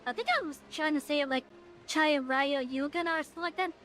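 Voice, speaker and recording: High woman's voice from an AI voice changer. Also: fairly quick, fairly bright tone, a little hiss or hum. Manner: stumbles over words, restarts sentences. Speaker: game streamer. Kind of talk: casual livestream chat while playing.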